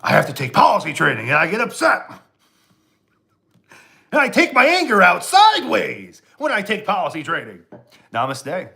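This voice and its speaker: A man's voice: high voice, huge pitch swings, moderate pace, vocal fry, pauses often, sharp tone. A man from Pennsylvania, a stand-up comedian, rambling sarcastically in a casual live stream while answering chat, with frequent restarts.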